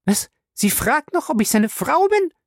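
A shrill furious wife. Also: female voice, sing-song, fairly quick, dry recording, clean studio sound. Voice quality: shrill, voice cracking. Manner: screaming accusations, sarcastic. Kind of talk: audiobook character voice.

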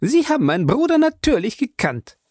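A man voicing a chattering, warm-hearted older woman who gushes breathlessly. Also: very high voice, big pitch swings, a little fast, no echo, studio quality, voice pushed up, full character voice. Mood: gushing.

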